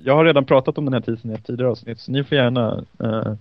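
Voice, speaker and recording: A man's voice: mid-range voice, dry recording, muffled recording. A man co-hosting a casual podcast who chimes in with matter-of-fact corrections. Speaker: podcast co-host. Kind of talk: casual chat about film trailers.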